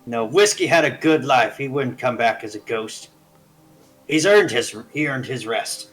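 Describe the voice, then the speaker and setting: A man playing a tabletop game with friends, blunt and excitable. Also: medium pitch, a little slow, soft background music. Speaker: player. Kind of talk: casual tabletop game talk.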